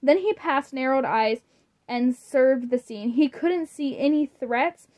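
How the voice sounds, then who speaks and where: A woman reading a children's storybook aloud in a gentle, deliberate way, with a few small slips. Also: high-pitched, expressive. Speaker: storybook reader.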